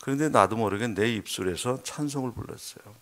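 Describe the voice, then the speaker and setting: A middle-aged man, a missionary, preaching a heartfelt testimony sermon in church, dropping to hushed murmurs and then rising to loud, emphatic bursts. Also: mid-range voice, brisk. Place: church sanctuary.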